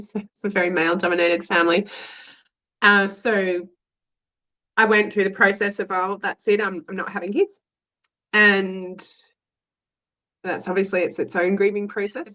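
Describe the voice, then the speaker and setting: A woman's voice: on the low side, a bit bright, poor audio. An Australian woman in her forties candidly telling a personal story in a chatty, frank way. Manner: frank, chatty, restarts and fillers, acts out quoted voices.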